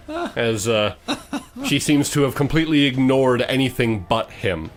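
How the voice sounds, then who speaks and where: Here a male game master leads a tabletop role-playing game, stumbling a little as he improvises narration. His voice is medium in pitch but swings widely up and down.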